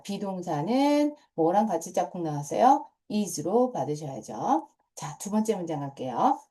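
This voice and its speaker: A middle-aged woman with a warm, mid-range voice teaches English grammar to middle schoolers. She's patient and repeats key points, often starting phrases with the cue word "자".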